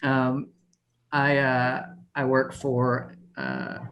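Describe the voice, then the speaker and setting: A man in his thirties performing a rambling, deadpan stand-up comedy set over a video call, chuckling at his own jokes. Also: mid-range voice, extremely slow, muffled recording. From Texas. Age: 30s.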